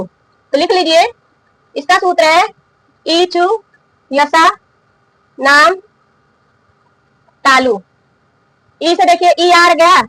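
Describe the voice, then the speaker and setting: A woman's voice: extremely high pitch, bright, forceful tone, no room sound, rough recording. A woman teaching a grammar lesson, asking questions aloud and answering them herself, repeating key terms. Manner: coughs now and then. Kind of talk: classroom lesson explaining and drilling.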